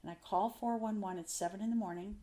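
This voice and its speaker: An older woman sits as a guest in a casual interview and tells a personal story. She speaks earnestly from the heart, with a voice of ordinary pitch, in short phrases, and she retells what people said. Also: steady tone, fast talker, warm tone. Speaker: podcast guest.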